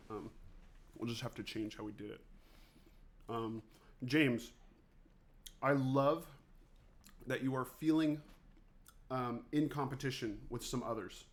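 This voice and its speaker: A man's voice: medium pitch, steady tone, a little slow, long pauses. A man who teaches music, chatting casually on a livestream and joking with his students. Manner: chatty, joking, talks to viewers by name. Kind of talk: casual livestream office hours.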